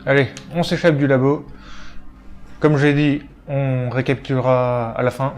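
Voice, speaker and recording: A man's voice: medium pitch, level tone, unhurried. A man giving casual video game commentary, thinking aloud as he plays. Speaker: let's player.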